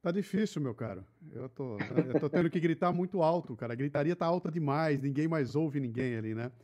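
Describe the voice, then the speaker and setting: A man hosting a live interview, lively and informal, bantering with slang. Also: a little high, a little fast. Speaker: host.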